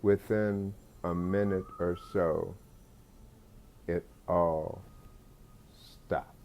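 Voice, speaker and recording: Gravelly low-voiced male storyteller. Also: drawn-out words, slight background noise. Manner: rambling, many fillers and restarts, animated voices for quotes. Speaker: comedic storyteller. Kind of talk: comic storytelling monologue.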